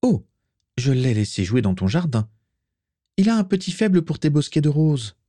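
A man reading aloud and voicing a calm, wry, guarded middle-aged witch, raising his voice to sound like a woman, in a storybook reading. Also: fairly high pitch, moderate pace, no room sound, pitched above the performer's own voice. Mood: dry, guarded. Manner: dry, guarded.

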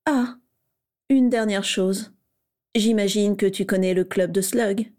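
A woman reading the lines of a smug, playful teenage boy wizard in a storybook reading, in a raised, mellow voice. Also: mid-range voice, fairly even intonation, takes it slowly, close to an everyday voice. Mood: smug teasing. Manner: playful, self-satisfied.

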